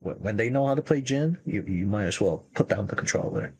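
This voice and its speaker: A man on a gaming podcast panel in casual chat, giving blunt, quick reactions. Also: lowish voice, lively intonation, a little mellow, a little hiss or hum, low-quality recording.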